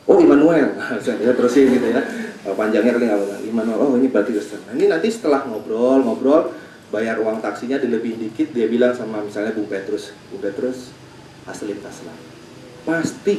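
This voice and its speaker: A male preacher giving an animated sermon story, acting out the voices of the people in it. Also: slight background noise. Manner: animated, acts out quoted voices with big pitch jumps. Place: talk at a school gathering, roomy space. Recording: roomy echo, mic at a distance.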